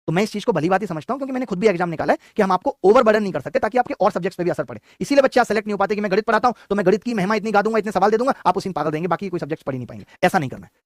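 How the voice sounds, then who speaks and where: A man teaching math, introducing a live exam-prep class in a rapid, exhortative lecturing manner. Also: high voice, lively intonation, no room sound, studio quality.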